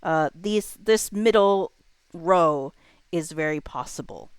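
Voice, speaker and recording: A woman livestreamer hosting a chatbot roleplay stream speaks slowly and smoothly in a fairly low voice, with no echo. She chats casually with viewers, thinking aloud and muttering to herself as she works, laid-back, slangy and informal.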